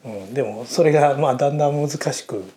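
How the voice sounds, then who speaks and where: A man's voice: on the high side, fast talker, dark tone. Man hosting a rambling chat. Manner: rambling, many fillers, thinks aloud. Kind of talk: casual interview chat.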